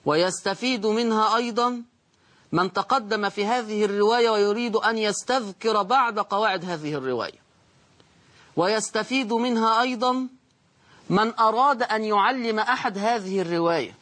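A man with an Egyptian accent teaching Quran recitation in a lesson episode, repeating words slowly and stretching them out to show how each is pronounced. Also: high-pitched, a bit bright. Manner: switches between formal Arabic and colloquial explanation.

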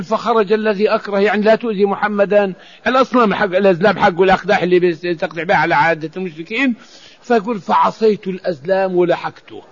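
High-voiced preacher on dull radio. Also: male voice. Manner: storytelling with frequent restarts and repeated words. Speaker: Islamic preacher. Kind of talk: sermon storytelling with Quran commentary.

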